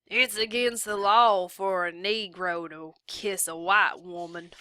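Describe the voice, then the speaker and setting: A drunken, leering sheriff voiced by a woman reading aloud stretches every word into a slow, lazy drawl. The tone is bright and clear, recorded dry with no room sound. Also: medium pitch, steady tone, no room sound. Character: drunken leering male small-town sheriff.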